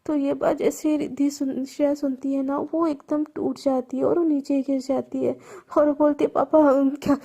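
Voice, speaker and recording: A woman's voice: sits high, level tone, moderate pace, gravelly, dark tone. A woman casually narrating a story in a conversational, retelling manner.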